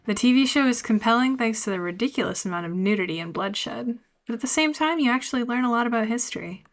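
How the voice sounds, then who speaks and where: Brief: woman streamer, higher voice, reads game text with a sarcastic edge. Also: animated, fast. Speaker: streamer reading a dating game. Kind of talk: reading game text aloud with comments.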